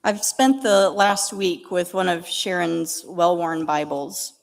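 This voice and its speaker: Middle-aged female pastor, low-pitched, eulogy with gentle humor, reverberant church hall. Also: takes it slowly, vocal fry. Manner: warm storytelling with gentle humor. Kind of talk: memorial eulogy. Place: church sanctuary.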